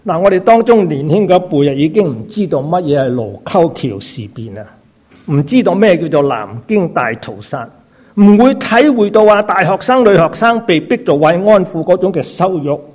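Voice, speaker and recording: A man's voice: high-pitched, big pitch swings, normal speed, a little mellow. A man who is a preacher and a doctor, delivering a sermon and often asking the congregation rhetorical questions, sprinkled with short interjections. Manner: frequent "na" and "ha" interjections.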